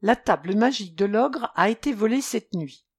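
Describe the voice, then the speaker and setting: A woman voicing a clever young male detective prince in a storybook reading, calm and inquisitive. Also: mid-range voice, normal speed, husky, dry recording, clean studio sound.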